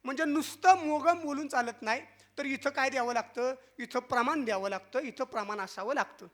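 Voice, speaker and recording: A man's voice: very high voice, fairly quick, fairly bright tone. A man giving a devotional kirtan discourse, playfully quizzing the crowd in call and response. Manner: playful teasing with the audience. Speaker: kirtan preacher.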